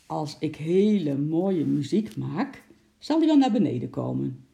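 A man putting on an excitable circus clown for a children's storybook. The voice jumps high and loud, with a gravelly, dark grain underneath. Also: measured pace, exaggerated voice. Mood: hopeful. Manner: loud, shouting.

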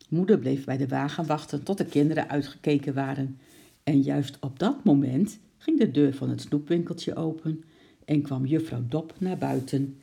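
Storybook narrator, dark husky tone with gravel, calm read-aloud pacing. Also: mid-range voice. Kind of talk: reading a children's story aloud.

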